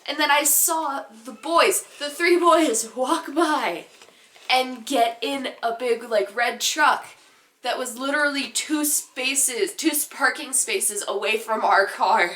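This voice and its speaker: A teenage girl with a high, bright voice tells a story-time vlog, animated and giggly with rambling asides. She talks at an unhurried pace, and her voice rings around a roomy, echoey space. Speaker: vlogger.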